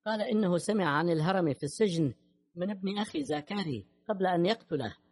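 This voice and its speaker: A man's voice: high voice, animated, fast, darkish tone, husky, voice pushed up, full character voice. A man voicing a shaken, grieving adult woman in an audiobook, with a trembling, urgent manner. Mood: tense. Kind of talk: audiobook character voice.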